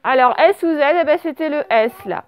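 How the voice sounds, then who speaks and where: With a brisk, high voice, a female primary school teacher gives a dictation, spelling out words letter by letter. She quizzes the pupils and praises their responses.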